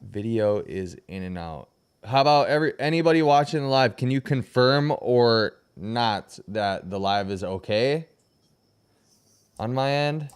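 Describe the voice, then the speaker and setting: A man's voice: mid-range voice, lively intonation, measured pace, clear, resonant tone. A young man hosting a casual livestream, laid-back and slangy, often trailing off mid-sentence. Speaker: livestream host.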